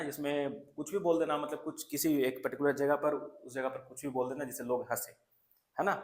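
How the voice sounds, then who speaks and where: A man's voice: on the high side, fairly bright tone, echoey room. A man giving an exam coaching lecture, repeating key terms and checking in with students often. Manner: repetitive, checks in with "है ना" and "clear". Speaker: exam prep teacher.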